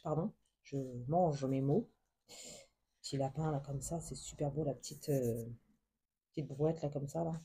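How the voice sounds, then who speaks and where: A woman leafs through a craft haul in a casual vlog, talking softly and hesitantly with many fillers. Her voice is very dark and mellow, with a husky, breathy grain. She gushes over every small detail. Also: low voice. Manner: soft, hesitant, many fillers, gushing with endless diminutives. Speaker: craft vlogger. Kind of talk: casual show-and-tell of a book haul.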